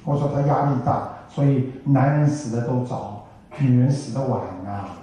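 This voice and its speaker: An older Buddhist teacher delivers a folksy dharma talk to an audience, packed with rhetorical questions. His mellow voice is medium in pitch and normal in speed, captured from a distance in an echoing hall.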